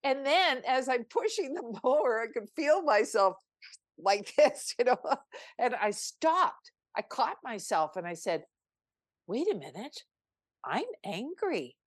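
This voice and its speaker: A woman's voice: high voice, expressive, unhurried, no room sound. Earnest woman spiritual coach, dry sound. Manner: earnest and emphatic, with many restarts. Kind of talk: podcast guest storytelling.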